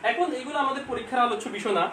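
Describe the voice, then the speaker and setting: A man's voice: very high voice, racing, bright, forceful tone. A man teaching an informal online exam-prep class from home, talking conversationally and often asking questions and answering them himself. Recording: echoey room, far from mic, faint hiss.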